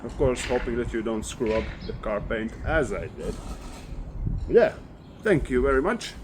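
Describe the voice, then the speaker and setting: A man talking casually through a do-it-yourself car job. He is hesitant and self-deprecating and thinks aloud as he goes. The audio is a low-quality phone recording made without a microphone. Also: animated, normal speed. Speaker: car vlogger. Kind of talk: casual DIY walkthrough. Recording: echoey, noisy phone recording.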